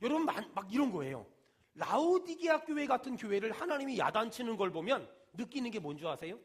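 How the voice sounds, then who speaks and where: A man, a senior pastor, preaching a sermon with emphatic call-and-response and shouted peaks. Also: very high-pitched, sing-song, a little fast, breathy edge.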